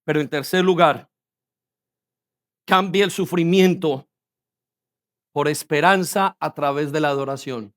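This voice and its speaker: Pastor preaching with emphatic swings. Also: male voice, a little high, measured pace, long pauses. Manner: emphatic preaching, swings between loud pleading and quiet earnest tones. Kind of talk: sermon. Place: church hall.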